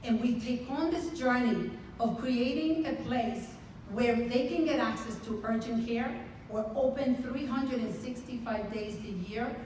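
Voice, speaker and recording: Her voice is a little high and darkish in tone, unhurried, with slight background noise. She's a Dominican woman speaking proudly and earnestly as a medical center CEO on a conference panel, picked up from far away in a very echoey large hall.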